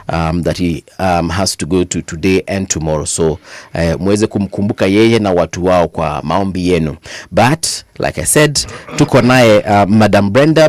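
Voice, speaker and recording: A man's voice: lowish voice, no echo. A man with a Kenyan accent hosting a morning radio show in the studio, chatty and playful with his guests. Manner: playful banter, mixes in Swahili phrases. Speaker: radio host. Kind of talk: casual chat.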